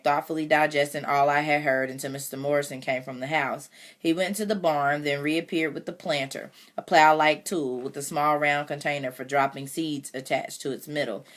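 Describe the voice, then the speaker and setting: A woman reading a novel aloud, narrating in a steady, unhurried manner. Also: sits low. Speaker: reader.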